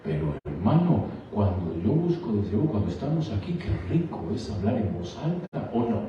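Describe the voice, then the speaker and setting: A male pastor preaching fervently, calling listeners brother and asking rhetorical questions, swinging from quiet lines to loud exclamations. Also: lowish voice, big pitch swings, moderate pace, crowd noise. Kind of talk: sermon. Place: church sanctuary. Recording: echoey church hall, distant mic, slightly dull.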